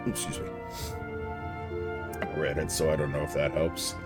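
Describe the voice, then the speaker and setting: A man's voice: a bass voice, flat delivery, moderate pace, over music. A man streaming a game live, chatting casually and rambling off on tangents as he answers his chat.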